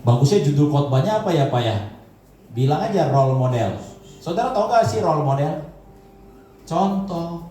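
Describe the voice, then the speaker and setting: A man preaching a sermon as pastor, telling stories in a lively way and acting out the voices of the people he quotes. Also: on the high side, brisk. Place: church hall. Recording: echoey church hall, mic from a distance, faint music.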